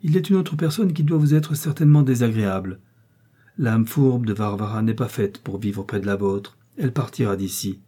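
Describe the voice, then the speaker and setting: A man's voice: lowish voice, moderate pace, dark tone, breathy edge. Man playing a stern, commanding prince. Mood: cold.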